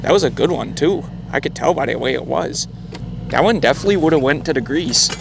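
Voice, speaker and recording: Young guy ice fishing, easygoing, kinda gravelly voice, noisy outdoor mic. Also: a little high, lively intonation, fast talker. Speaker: fishing partner. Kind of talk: casual chat. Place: outdoors on a frozen lake. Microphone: camera mic on the ice.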